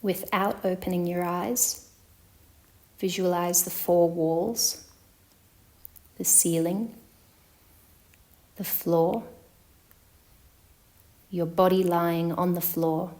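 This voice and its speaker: A woman teaches a guided yoga nidra meditation in a calm, measured, instructional way, leaving long pauses. Her voice is lowish.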